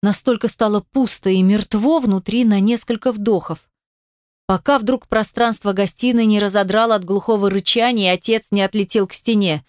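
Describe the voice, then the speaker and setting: A woman's voice: mid-range voice, steady tone, normal speed, a little mellow, no room sound, studio quality. A woman narrating a first-person audiobook with an emotive, dramatic reading.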